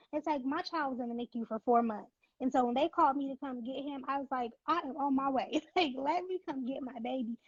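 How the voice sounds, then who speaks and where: Husky, earnest woman, founder on a call. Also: on the high side, no echo, highs cut off. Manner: earnest, faith-driven, emphatic. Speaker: nonprofit founder, former NICU mom. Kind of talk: interview guest.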